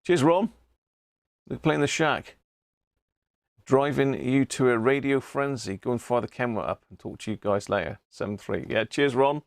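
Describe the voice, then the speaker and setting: Speaking at normal speed, this man has a gravelly, medium-pitched voice, recorded cleanly in studio quality with no echo. He's a British livestream host chatting casually about CB radio from an indoor radio room, rambling and thinking aloud with chummy asides to viewers.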